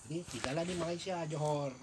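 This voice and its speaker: A young Indonesian man, appearing as a guest, chats casually in a fairly high voice at a quick pace over a noisy background. He tells a long story full of restarts and fillers and laughs often.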